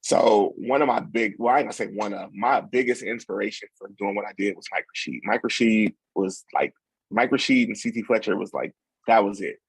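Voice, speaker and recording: A young man, a podcast guest, telling a story in a relaxed, rambling way with plenty of fillers and restarts. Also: fairly low pitch, brisk, vocal fry, slightly rough, no room sound, rough recording. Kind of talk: casual storytelling.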